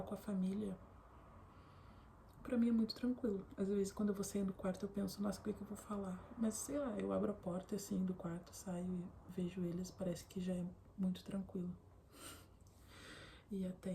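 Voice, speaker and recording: A young woman from southern Brazil chatting casually to camera from her bedroom, often slipping into a soft whisper. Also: mid-range voice, gravelly. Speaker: vlogger. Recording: faint background noise.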